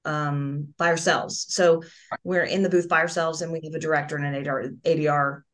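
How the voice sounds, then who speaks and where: Talking fairly quickly in a deep voice with fairly even intonation, a middle-aged singer and voice actress shares stories as a guest in a relaxed interview held over video call, often starting over mid-story.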